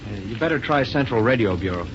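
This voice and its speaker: A man playing a bold young space pilot hero in a 1930s radio drama, brisk and confident. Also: mid-range voice, expressive, close to an everyday voice. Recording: dull old radio recording with loud hiss.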